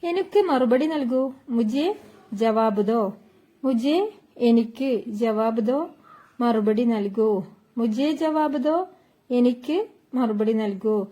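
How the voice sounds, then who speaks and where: A woman's voice: fairly high pitch, slow, long pauses, warm tone. A woman teaching Hindi phrases, patiently repeating each one several times. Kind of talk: slow language lesson, repeating each phrase.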